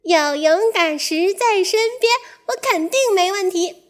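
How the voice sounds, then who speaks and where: A woman voicing a small, fearful little mouse in a children's storybook, with a squeaky, hesitant voice. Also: takes it slowly. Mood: excited. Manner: squeaky, hesitant, high-pitched.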